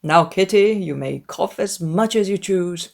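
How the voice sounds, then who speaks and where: A woman voicing a wry middle-aged gentleman father in a dramatized classic novel, speaking in a formal, mock-solemn, teasing way. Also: mid-range voice, measured pace, gravelly.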